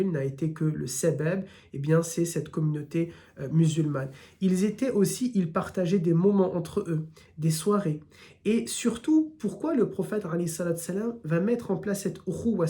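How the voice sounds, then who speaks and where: Mellow southern French male teacher. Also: high voice. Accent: Occitan French. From France. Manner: explains in short repeated phrases, with hesitations. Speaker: religious teacher. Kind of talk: weekly religion lesson.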